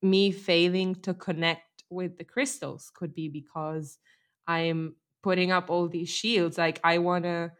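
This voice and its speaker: A young woman in casual chat, talking reflectively and hesitantly, trailing off softly. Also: on the low side, level tone, unhurried, clear, resonant tone.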